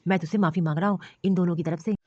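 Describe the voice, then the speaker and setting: Stern protective old father-in-law for a cartoon, voiced by a woman, fast scolding delivery, dull dry lo-fi sound. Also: lowish voice, steady tone, darkish tone, no echo, natural voice. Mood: pleading. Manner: scolding, commanding. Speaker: cartoon voice actor. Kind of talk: storybook cartoon dialogue.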